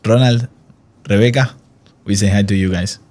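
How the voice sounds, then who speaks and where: A man's voice: on the low side, steady tone, moderate pace, darkish tone. A man hosting an interview, encouraging and conversational, often rephrasing his questions. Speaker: interviewer, host.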